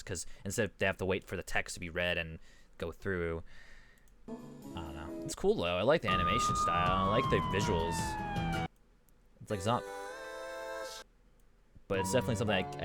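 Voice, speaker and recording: A man rambling casually on a live stream, restarting his sentences and reading chat aloud into a desk microphone. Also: low voice.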